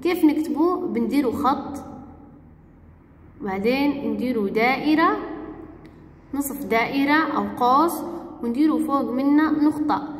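A woman teaching young children the alphabet, speaking slowly and patiently and repeating each word. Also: high voice. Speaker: kindergarten teacher. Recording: echoey room with long reverb.

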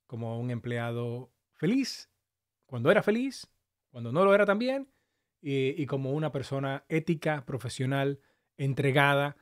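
A man hosting a casual live stream, a little hoarse from long talking, greeting viewers affectionately by name. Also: medium pitch. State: slightly hoarse after an hour of talking.

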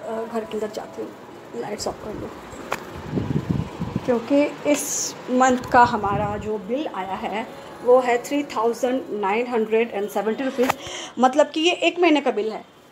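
A woman with a Bengali accent chats quickly to her camera at home. Her voice sits high, and she fills pauses with small fillers. Steady household noise sits clearly under her. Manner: fast-talking, chatty, frequent fillers. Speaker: vlogger. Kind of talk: casual vlog to camera. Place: at home, hot room with fan running.

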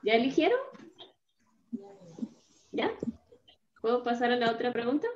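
A woman's voice: fairly high pitch, expressive, measured pace, a little mellow, echoey room, muffled recording. A woman teaching a primary school class online. She explains things patiently, step by step, and keeps checking in with her pupils.

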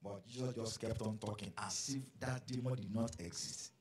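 A male pastor telling a story in a sermon, dropping to a hush and then rising to loud, dramatic preaching. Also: fairly low pitch, normal speed, a little hiss or hum. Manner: dramatic storytelling, swinging from hushed to shouting.

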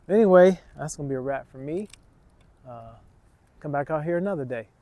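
Lively intonation marks this middle-aged fishing vlogger, who speaks a little fast in a dark-toned voice on the high side, with no echo. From a waterfront dock he chats casually, calling his viewers "guys." He's filmed by a tripod camera that he sometimes holds for selfies.

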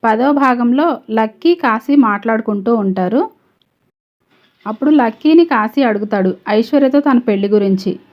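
A woman narrating a serialized story in a steady, measured reading manner. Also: a little high, muffled recording.

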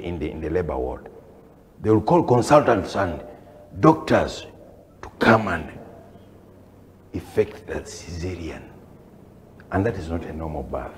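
A man preaching a religious lecture, swinging from loud proclamations to hushed whispers. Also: medium pitch, in a large hall, slight background noise. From Uganda. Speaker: Islamic preacher.

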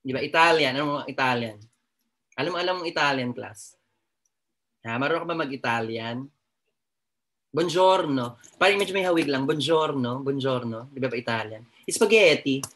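A man's voice: mid-range voice, fast, bright, forceful tone. A Filipino man giving a chatty, joking nursing lecture, mixing Tagalog and English and constantly addressing his class.

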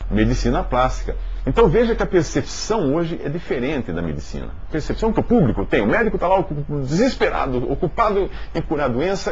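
A man in his forties from Brazil, giving a lively, joking talk to an audience in a studio on a lapel mic. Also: on the low side, breathy edge. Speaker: speaker. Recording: dull lo-fi video sound.

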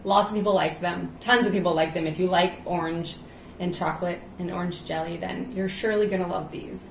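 A woman's voice: fairly low pitch, fairly even intonation, a little fast, creaky, slight background noise. Frank chatty woman in an echoey room. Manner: frank, chatty food taster. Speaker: vlog host. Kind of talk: casual chat. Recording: echoey room with faint ambience.

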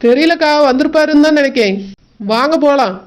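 A cheeky young village woman who talks her frightened friend into running off, played by a woman. Her voice is high. She teases and reassures at a quick clip in this village comedy drama. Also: slight background noise, close to an everyday voice. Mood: coaxing. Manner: teasing, reassuring, hurrying.

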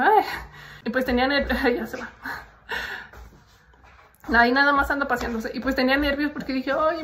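A woman's voice: sits high, fairly bright tone, slight background noise. A young Mexican woman with a Mexican accent, chatting casually to her followers and telling stories with frequent laughs. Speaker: vlogger. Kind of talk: casual chat.

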